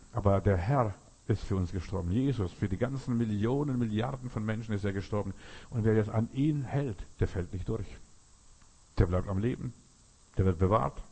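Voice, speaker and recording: A man preaching a sermon, speaking emphatically, repeating phrases and slowing down to voice quotations. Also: lowish voice, warm tone, breathy edge.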